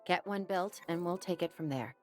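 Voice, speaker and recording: An actress playing a brisk, businesslike dinosaur park manager in a game. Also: female voice, fairly low pitch, lightly acted. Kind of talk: game voice acting. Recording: game music behind.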